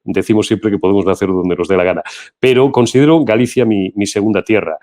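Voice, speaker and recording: A man's voice: fast talker, dark tone. A man with a Castilian Spanish accent hosting a political commentary show, talking emphatically and with indignation. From Spain. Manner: emphatic, indignant, pitch rising when heated. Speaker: host.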